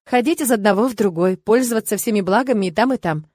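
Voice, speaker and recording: A spirited young student heroine speaks in a soft, questioning, slightly plaintive voice, as a woman reads her. Her pitch is ordinary for a woman. The sound is dry and close. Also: fast, dry recording, close to an everyday voice. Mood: anxious, spirited.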